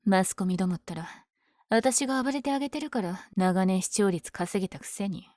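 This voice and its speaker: Woman playing a mellow, teasing, lovestruck villainess. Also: mid-range voice, animated, moderate pace, dry recording, clean studio sound, lightly acted. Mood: breezy, taunting. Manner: teasing, breathy asides. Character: powerful flirtatious villain lady, smitten with her hero rival. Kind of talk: ASMR situation voice drama.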